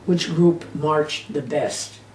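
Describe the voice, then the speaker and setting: An elderly American woman, a war veteran, recalling memories unscripted in short, halting phrases. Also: deep voice, darkish tone. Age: 80s or older. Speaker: war veteran being interviewed. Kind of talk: unscripted reminiscing. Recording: roomy, distant microphone with faint noise.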